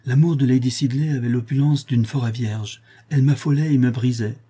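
A man narrating a literary novel as an audiobook in a measured, expressive reading. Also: mid-range voice, slightly rough.

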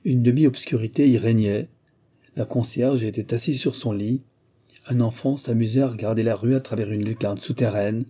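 Dark, husky male audiobook narrator. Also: medium pitch, normal speed.

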